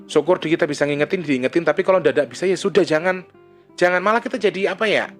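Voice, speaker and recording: Male vlogger, slightly raised pitch; loose, rambling talk with restarts, faint guitar underneath. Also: quick pace. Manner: rambling, with frequent restarts and self-corrections. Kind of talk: casual spoken monologue.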